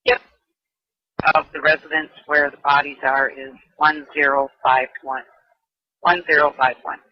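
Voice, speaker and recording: A man working as a police dispatcher over a walkie-talkie, briskly reading back each call. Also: a little high, level tone, no room sound. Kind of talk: terse police radio calls. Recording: archival lo-fi police radio.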